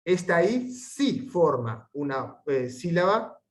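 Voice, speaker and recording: Guy teaching latin online, slow careful delivery, slightly high voice, breaks words into syllables. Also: sing-song. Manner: reads the Latin text aloud deliberately. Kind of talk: recorded online lesson.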